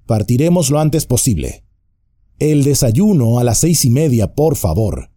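A man's voice: medium pitch, sing-song, unhurried, warm tone, dry recording, studio quality, pitched above the performer's own voice. A man voicing a tired, worried young male hobbit who speaks earnestly and politely.

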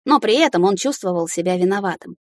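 Woman narrating an expressive audiobook. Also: quick pace, no echo, clean studio sound. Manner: expressive, heated and higher in argument. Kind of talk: first-person audiobook narration of a fantasy novel.

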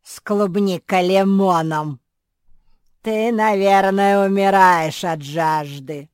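A woman voicing a gloating male dragon with a hoarse voice in a storybook reading. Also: mid-range voice, slow pace, dry recording, studio quality, voice pushed up, close to an everyday voice.

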